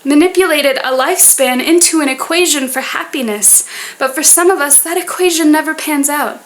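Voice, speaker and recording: A woman performing spoken word poetry in an earnest manner, with deliberate, poetic phrasing. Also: high-pitched.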